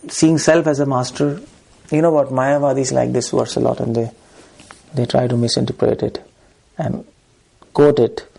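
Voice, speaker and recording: A preacher with an Indian accent lectures on scripture, reciting verses and hammering home points in short, emphatic, repeated bursts. His voice is medium-pitched, creaky, and warm.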